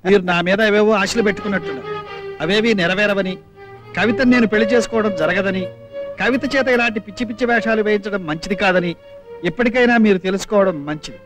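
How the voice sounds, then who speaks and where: An actor as a stern, upright young man in an old drama film, firm and curt. His voice sits fairly high and moves fast, with a film score behind. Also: over music, close to an everyday voice. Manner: firm, curt, clipped replies. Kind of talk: 1980s film drama acting.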